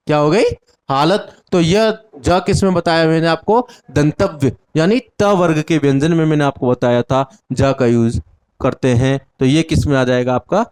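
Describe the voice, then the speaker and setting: Guy teaching hindi for exams, high clear voice, keeps asking then answering himself. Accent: Indian Hindi. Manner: asks the class questions and answers them himself, repeats key words. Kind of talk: exam-prep lesson.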